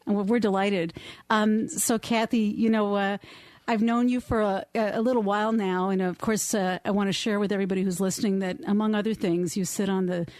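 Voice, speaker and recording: A woman's voice: medium pitch, steady tone, fairly quick, darkish tone, no echo. A woman hosting a radio interview in a studio, chatty, with many fillers and restarts. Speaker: radio talk show host. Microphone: studio microphone.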